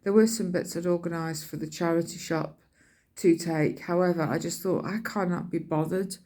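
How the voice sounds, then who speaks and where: With a warm, lowish voice, fairly even intonation and moderate pace, a middle-aged British vlogger casually chats about everyday events. She rambles colloquially and acts out what people told her.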